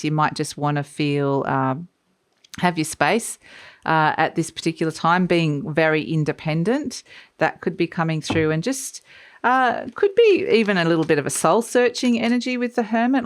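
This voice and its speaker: Woman, low-pitched, resonant clear tone, mystical horoscope tarot reading, conversational, unscripted. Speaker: tarot card reader.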